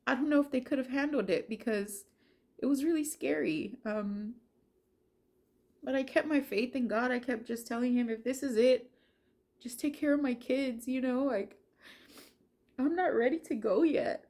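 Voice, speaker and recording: A woman's voice: high voice, normal speed, pauses often, dark tone. A woman sharing a personal faith testimony, telling it earnestly and emotionally, often restarting her sentences.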